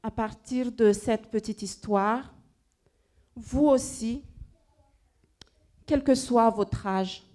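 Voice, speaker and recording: A woman at a church service telling a story to children in an animated way, often stopping to ask them questions. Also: a little high, extremely slow, pauses often.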